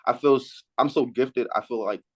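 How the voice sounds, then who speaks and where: Husky-voiced and in his late teens, this high school senior and athlete fumbles through relaxed interview questions, pausing and repeating words as he works out his answers.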